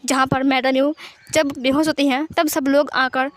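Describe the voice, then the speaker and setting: A woman's voice: sits high, moderate pace. A woman casually retelling a fan fiction story, narrating steadily and voicing the dialogue herself. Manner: plain, steady narration that also voices the dialogue lines.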